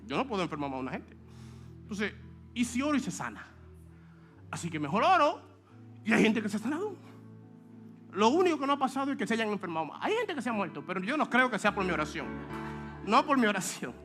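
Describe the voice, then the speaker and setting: Man, pastor, sermon, high pitched, faint music behind. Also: quick pace, long pauses. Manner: animated, joking asides to the congregation; acts out quoted speech.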